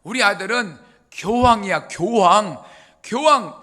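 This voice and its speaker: A woman's voice: mid-range voice, animated, fairly bright tone, big-room sound. A male preacher voicing a boastful old grandmother who brags about her son. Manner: boastful, drawn-out bragging.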